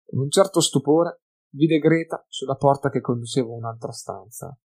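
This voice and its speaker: A man reading a fantasy audiobook aloud as narrator in an expressive, dramatic storytelling manner. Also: medium pitch, normal speed, slightly rough.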